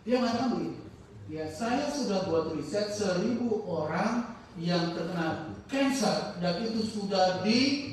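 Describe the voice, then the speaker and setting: In this informal religious study session, the teacher is a man with a high-pitched voice who keeps breaking off to find the right word. He animates his stories by acting out quotes, and the far-off recording carries a big mosque-hall echo and a soft hiss.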